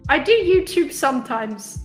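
A young South African woman with an Australian accent chats casually as a podcast guest, giggling and rambling through lots of fillers. Her high voice swings widely in pitch and runs a little slow. Faint music plays behind her in an echoey room.

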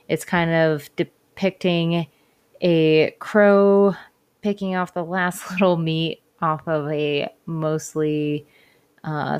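A woman hosting a casual spiritual talk and tarot reading, speaking in a gently encouraging, hesitant, informal way. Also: low voice. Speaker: podcast host and tarot reader. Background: cards being shuffled at times.

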